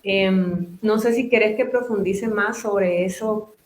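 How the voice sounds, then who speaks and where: A woman's voice: medium pitch, steady tone, slow, reverberant. A woman from Nicaragua, a business owner and psychotherapist, chatting as a guest in an interview and explaining at length with asides. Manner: talkative, explains with restarts and asides. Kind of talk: interview conversation.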